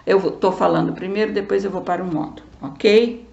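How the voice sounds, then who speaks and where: A woman's voice: medium pitch, fairly even intonation, fairly quick, creaky, darkish tone. A woman teaching a primary school grammar lesson, patient and checking understanding as she goes. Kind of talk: remote class lesson. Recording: roomy, dull lo-fi recording.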